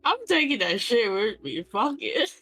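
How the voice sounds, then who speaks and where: A man's voice: sits high, big pitch swings, normal speed, pushed and bright, breathy edge, dry recording, faint music behind. A man playing in a tabletop game, talking loosely and swearing freely. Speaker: player. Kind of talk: casual gaming chat.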